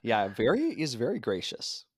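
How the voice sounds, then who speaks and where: A man co-hosting a podcast, chatting casually with a joking, animated manner. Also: medium pitch, moderate pace, breathy edge, no echo, studio quality. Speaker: podcast co-host. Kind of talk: casual chat.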